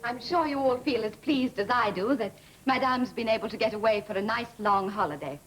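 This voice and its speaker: An actress playing an eager, devoted young dress designer in a 1950s film, earnest and deferential. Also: female voice, a little high, fairly quick, lightly acted. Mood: earnest, caring. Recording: old film soundtrack with music.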